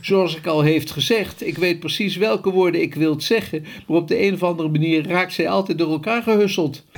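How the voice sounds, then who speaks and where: A gentle giant from a storybook who mixes up his words and speaks in a lifted, eager voice, as a man reads him aloud. The tone sits high and has a slight gravel to it. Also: moderate pace. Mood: wistful.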